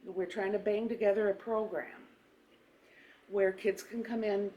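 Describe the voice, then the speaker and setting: A woman's voice: mid-range voice, steady tone, a little slow, mellow, highs cut off. A woman casually explaining something in conversation, with some background noise.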